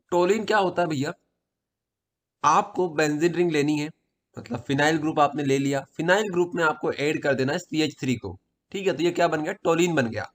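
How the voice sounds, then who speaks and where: Chatty Hindi-speaking male chemistry teacher. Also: on the high side. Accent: Hindi-speaking Madhya Pradesh. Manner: repeats key points, asks and answers own questions. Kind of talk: casual exam-prep lesson.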